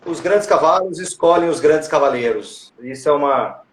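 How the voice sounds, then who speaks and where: A man's voice: fairly high pitch, moderate pace. A man hosting a live-stream conversation, chiming in agreeably and affirming his guest. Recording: roomy echo.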